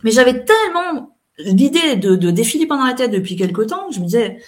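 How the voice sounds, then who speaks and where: A woman's voice: a little high, very animated, a little fast. A middle-aged woman, an interview guest, chatting casually as she recounts events and quotes what people said.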